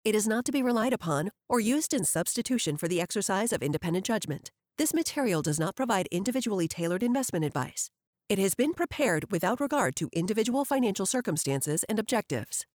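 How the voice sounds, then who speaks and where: A woman's voice: medium pitch, very animated, quick pace, a little mellow, no echo, clean studio sound. A woman narrator reads a scripted legal disclaimer in a formal, precise way. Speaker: disclaimer narrator for a financial podcast.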